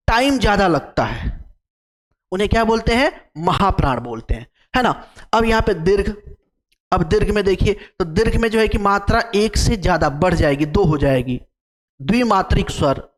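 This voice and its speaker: A male teacher with a high voice drills vowels in an exam-prep lecture, his sound carrying the echo of a big room. He stretches out vowels to show their length, repeats key terms, and quizzes the class with questions.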